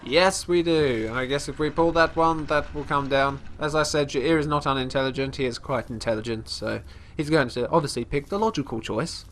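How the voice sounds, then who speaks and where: Barely pausing, a congested man talks at normal speed in a slightly high, fairly bright voice, with a little hiss or hum audible. As a let's play host, he chats casually through a fantasy game, referring to his character in third person. He rambles and keeps restarting sentences while narrating its actions.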